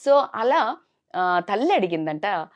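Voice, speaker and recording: A woman vlogger earnestly telling a moral story to a listener, shifting between loud and hushed. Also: medium pitch, big pitch swings, takes it slowly, muffled recording.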